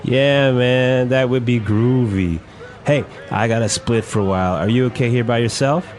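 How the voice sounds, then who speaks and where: A man's voice: mid-range voice, moderate pace, darkish tone, close to an everyday voice. A man playing a chilled-out young 1960s hippie who drawls easygoing slang, with music behind him. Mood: mellow.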